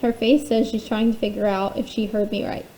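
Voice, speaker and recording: Female reader for a chapter-book reading, fairly high, mellow tone, steady storytelling. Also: fairly quick, a little hiss or hum, low-quality recording. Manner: steady first-person storytelling. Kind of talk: reading a children's novel aloud.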